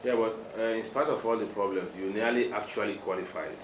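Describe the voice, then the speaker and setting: Man, sports interviewer, lowish voice, echoey room, audible noise. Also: fairly quick. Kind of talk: interview questions. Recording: roomy with noticeable background noise.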